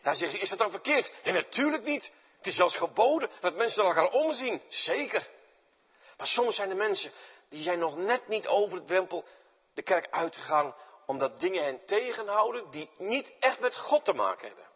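Male preacher, lively delivery, slightly husky voice, echoing church hall. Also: high voice, normal speed. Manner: dramatic swings from loud to near-whispered. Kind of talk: sermon. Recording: dull sound with long reverb in a large hall.

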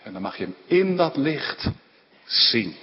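A man preaching a sermon, moving between hushed slow passages and loud impassioned climaxes. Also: medium pitch, very animated. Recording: dull recording in a reverberant church with faint hiss.

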